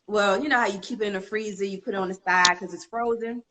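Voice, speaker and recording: A middle-aged woman of the D.C. chats as a guest. Her voice sits at a medium pitch. She tells stories in a candid, salty, wry way. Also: fairly even intonation, quick pace, crowd noise. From Washington, D.C., United States. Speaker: podcast guest. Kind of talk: casual humorous storytelling.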